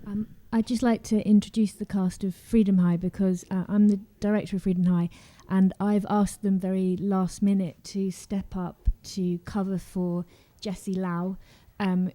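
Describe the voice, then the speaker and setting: A woman directing the panel, introducing guests softly and hesitantly. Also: medium pitch, flat delivery, normal speed, few pauses.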